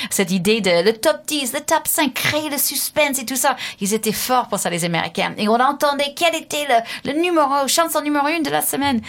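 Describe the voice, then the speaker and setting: A woman from the United States with an American accent, speaking non-native French as a guest in a radio interview, lively and chatty with frequent restarts. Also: medium pitch. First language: English.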